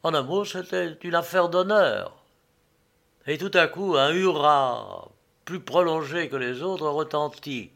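A man reads a classic novel aloud as audiobook narration. His voice sits slightly high, and he tells the story in a measured, expressive manner. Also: creaky.

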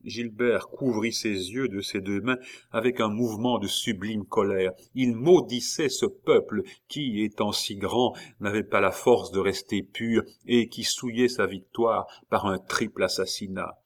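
A man narrates a historical novel in a measured, dramatic reading. His voice sits on the low side and he paces the sentences with care. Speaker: audiobook narrator. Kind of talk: scripted narration.

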